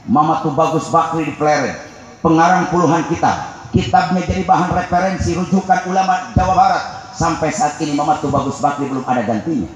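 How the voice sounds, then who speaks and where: A Sundanese man from West Java with a Sundanese accent, preaching a comic sermon to a live crowd and calling for answers, swinging from jokes to shouted preaching. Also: on the high side, lo-fi sound. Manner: call-and-response, swings from joking to shouted preaching. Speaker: Islamic preacher. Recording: very echoey live hall with background noise.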